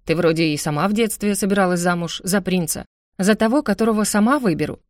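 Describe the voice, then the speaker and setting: A woman voicing a young adult man, an easygoing stepbrother who teases his sister in a calm, mildly sarcastic way. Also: mid-range voice, quick pace, dry recording, studio quality, lightly acted. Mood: teasing calm.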